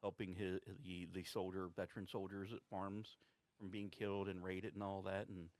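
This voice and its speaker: Man role-playing ancient druid, tabletop game, halting, musing, rambling, thinks aloud. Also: deep voice, flat delivery, noisy background, close to an everyday voice. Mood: hesitant recollection. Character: ancient druid who sleeps for centuries, hesitant, musing. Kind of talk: improvised in-character tabletop role-play.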